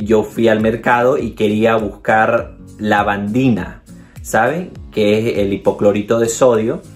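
This video host, a man from Bolivia, gives language tips in a Bolivian Spanish accent with a lowish, somewhat dark voice. He chats easily to the camera, addresses viewers head-on to encourage them, and uses "entonces" a lot.

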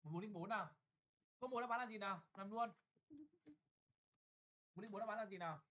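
Young man, classroom exam tutor; brisk, blunt, keeps checking if students follow. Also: high-pitched, pushed and bright, low-quality recording. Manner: brisk and bossy, often checking "got it?". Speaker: English tutor.

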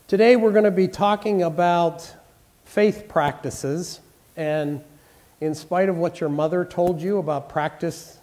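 Male pastor, congested with a cold, mellow and slightly high, conversational church delivery. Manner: plain, conversational, apologetic about his voice. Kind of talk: church announcements and sermon opening.

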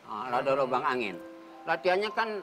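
Older man, measured and earnest. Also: mid-range voice, big pitch swings, fairly bright tone, faint music behind, poor audio. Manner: measured, searching for words, earnest. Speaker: theater group founder and guest. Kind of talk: reflective talk show storytelling.

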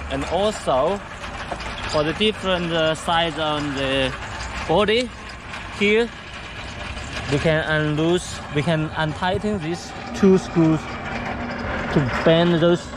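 A man giving a product walkthrough of a go kart outdoors, speaking halting English with many fillers and restarts. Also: on the high side. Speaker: factory sales rep showing a go kart. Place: outdoors beside go karts on pavement. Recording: outdoor camera audio with background noise.

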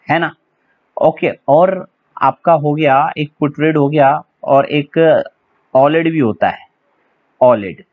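A man teaching English vocabulary for exams in a chatty, joking way, spelling words out letter by letter. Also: medium pitch. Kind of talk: exam-prep English vocabulary lesson. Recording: slightly dull lo-fi audio.

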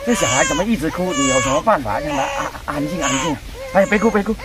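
A man's voice: on the high side, animated, very fast, close to an everyday voice. A man playing a flustered stammering baby snatcher. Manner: stammering, fussing, hushing. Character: flustered male baby snatcher, clumsy, nervous. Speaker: skit actor. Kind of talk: rural comedy skit acting. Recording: distant mic, loud outdoor noise.

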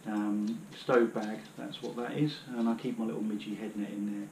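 A man's voice: lowish voice, little pitch movement, moderate pace, noisy background. Chatty British man in an echoey living room. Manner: chatty, rambling, many fillers. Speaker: outdoor gear vlogger. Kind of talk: casual demonstration. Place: living room at home, kneeling on floor. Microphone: camera on the floor a few metres away.

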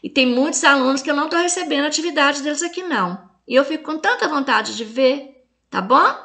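A woman teacher with a Brazilian Portuguese accent records a video lesson for young children, explaining the homework one numbered step at a time. Her voice is bright and a little high. She speaks to the pupils affectionately. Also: expressive, a little fast. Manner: clear step-by-step instructions. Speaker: primary school teacher.

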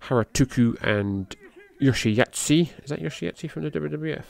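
At normal speed and with some vocal fry, a middle-aged man gives rambling, loose podcast play-by-play of a match. He's a native English speaker who swears offhandedly and perks up audibly when the big moves hit.

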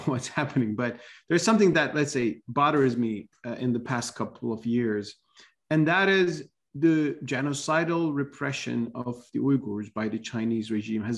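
A middle-aged man from Turkey with a Turkish accent, speaking earnestly as a guest on a video call panel, often restarting his sentences. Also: medium pitch. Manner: earnest, gestures with hands, frequent restarts. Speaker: guest commentator. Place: home office, indoors.

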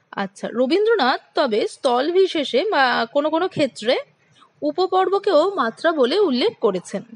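Woman teacher, high-pitched, clear and explanatory exam-prep lecture style. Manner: clear, explanatory, addresses students directly.

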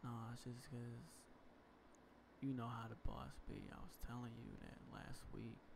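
Gravelly, hushed boyfriend played by a man, ASMR role-play. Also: mid-range voice, little pitch movement, a little slow. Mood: tired, affectionate. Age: young adult. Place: small living room or bedroom indoors. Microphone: large desktop microphone at the lips. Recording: noisy close-up home microphone.

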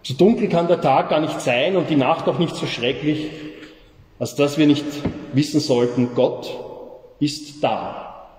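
A man, a pastor giving a sermon slowly and emphatically, with long pauses. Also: on the high side, a little mellow. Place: large church. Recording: echoey church with long reverb.

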